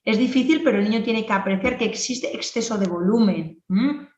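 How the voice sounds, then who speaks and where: A woman's voice: medium pitch, a little fast, recorded from a distance, muffled recording. Woman lecturing in an echoey room. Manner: lively, explanatory, many tag questions. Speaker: speech therapist lecturer. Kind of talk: clinical lecture.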